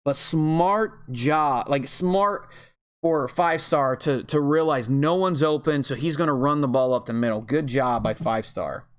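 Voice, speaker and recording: A man at home giving casual, informal play-by-play commentary on a football video game. He breaks into loud yells on big plays. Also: fairly high pitch, a little slow, clean tone. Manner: chatty and informal, with fillers and slang. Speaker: league host and game commentator. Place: at home, with family in the room above.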